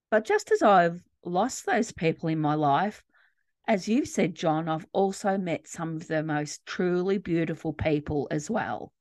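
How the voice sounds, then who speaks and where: A woman's voice: lowish voice, a little mellow, no room sound, clean studio sound. A woman co-hosting a podcast, talking earnestly and reflectively about friendship and loss. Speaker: podcast co-host. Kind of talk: casual grief podcast chat.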